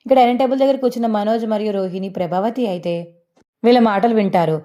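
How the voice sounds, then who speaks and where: A woman narrating a recap of a TV serial in a brisk, running style. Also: medium pitch, dark tone. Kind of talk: fast spoken recap narration.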